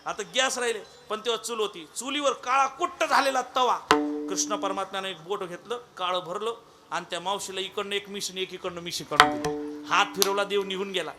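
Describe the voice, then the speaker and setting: A man preaches a devotional kirtan sermon, telling a comic story with humor and energy and calling on listeners by name. His voice is high-pitched and fairly quick, with faint music behind.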